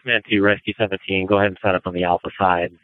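Racing through his fireground dispatching, a deep-voiced man playing an incident commander gives businesslike, directive radio orders with flat delivery. The audio is narrow and phone-like, with slight background noise.

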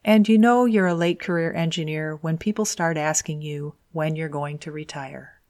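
A woman presenting scripted advice to viewers in an orderly, measured way, setting out her points clearly one by one. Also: sits low, steady tone, darkish tone.

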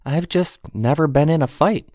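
A man voicing a lively young woman in a storybook reading, raising his voice noticeably to sound light and expressive. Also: fairly high pitch, normal speed, dry recording, studio quality, voice pushed up, close to an everyday voice.

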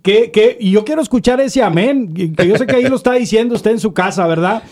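A man's voice: high-pitched, expressive, fast, darkish tone. A man co-hosting a religious talk program, fervently addressing listeners as brothers and asking for their amen. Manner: fervent, calls listeners brother and sister, seeks amens.

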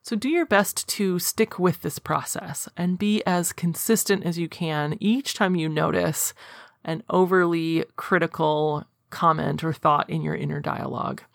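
Woman coach, calm and instructive, some vocal fry, dry booth-like recording. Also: deep voice, a little slow, no echo. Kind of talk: guided self-help instruction.

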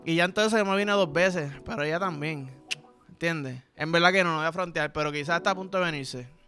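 A man's voice: fairly high pitch, a little fast, bright, forceful tone, soft background music. A young adult man with a Puerto Rican accent hosting a podcast, talking in a crude, slangy comedic monologue full of vocal sound effects. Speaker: podcast host.

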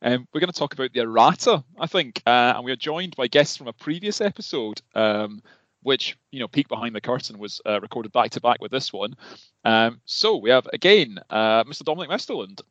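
A man's voice: medium pitch, lively intonation, fairly quick, a bit bright, no room sound, highs cut off. Man, podcast host, mid-range voice, meandering and full of ums, dry close recording. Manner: rambling, filler-heavy questions. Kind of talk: casual podcast chat.

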